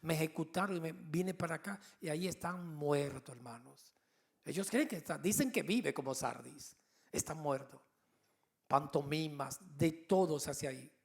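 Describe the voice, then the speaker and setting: A middle-aged male pastor preaching a sermon, telling personal stories with humor and lively delivery. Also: fairly high pitch, normal speed, vocal fry. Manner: animated storytelling with humor.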